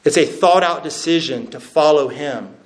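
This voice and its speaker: A man's voice: a little high, moderate pace. A man preaching a sermon as pastor, emphatic and repeating phrases for stress.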